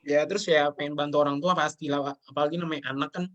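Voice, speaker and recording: A man's voice: a little high, steady tone, fast, highs cut off. A man in his twenties talking earnestly and emotionally as an interview guest, often addressing the host as sir. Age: 20s. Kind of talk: earnest personal talk in an interview.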